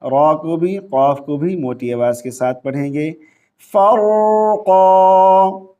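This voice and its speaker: A male Quran teacher leading a tajweed lesson. He explains rules quickly in Urdu with a Pakistani accent, then recites the Arabic verses slowly in long, drawn-out tones. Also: medium pitch, dark tone, dull audio, faint music behind.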